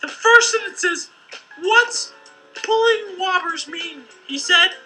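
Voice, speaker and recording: A woman's voice: extremely high pitch, slow, pushed and bright, faint music behind, exaggerated voice, poor audio. An actress voicing a skeptical young woman in a game who teases a caller warning her of danger.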